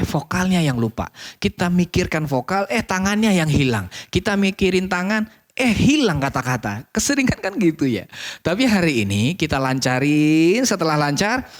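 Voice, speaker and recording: A man teaching a public speaking course, often asking questions and answering them himself, repeating key phrases for emphasis. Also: fairly high pitch. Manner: animated, asks and answers his own questions. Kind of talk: online course lesson.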